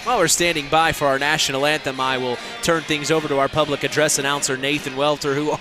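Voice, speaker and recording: A man's voice: on the high side, level tone, fast talker. American guy doing casual sports broadcast chat, music playing behind him. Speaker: play-by-play broadcaster. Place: courtside in a school gymnasium.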